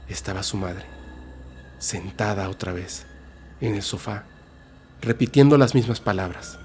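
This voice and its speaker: A man narrating a horror story in a slow, hushed, dramatic way as the show's storyteller. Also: fairly low pitch, slight background noise. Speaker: storyteller host.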